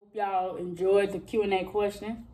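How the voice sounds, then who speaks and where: Speaking directly to viewers while she eats, this woman in her thirties keeps her mukbang vlog casual and drags out her exclamations between bites. Her voice is medium-pitched, level and warm, on a rough recording with slight background noise.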